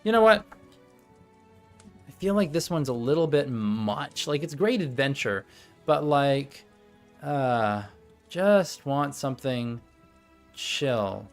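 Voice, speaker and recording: Slow and prone to pauses, a young man with a medium-pitched, lively voice streams live while setting up. He rambles casually and talks to himself as music plays in the background.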